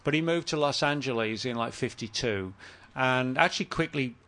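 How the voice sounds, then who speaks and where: A man's voice: mid-range voice, moderate pace, bright, forceful tone. A man guesting on a casual talk show, telling a story at length, often stopping to correct himself. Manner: rambling, self-correcting storyteller. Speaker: author guest. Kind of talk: casual podcast conversation.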